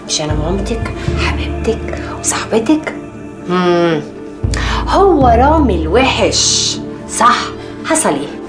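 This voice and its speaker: A woman's voice: mid-range voice, very animated, a little slow. An actress playing a middle-aged Egyptian mother who coaxes her daughter and then scolds her in a rage. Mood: pleading. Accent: Egyptian Arabic. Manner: coaxing, then bursting into furious scolding. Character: doting mother turned furious, middle-aged woman. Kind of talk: TV drama acting. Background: music score.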